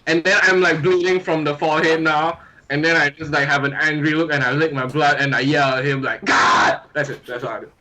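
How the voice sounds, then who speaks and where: A man's voice: on the high side, steady tone, quick pace, sharp tone, poor audio. A man playing a wrestler in a tabletop game, describing his moves eagerly and playfully. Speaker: player.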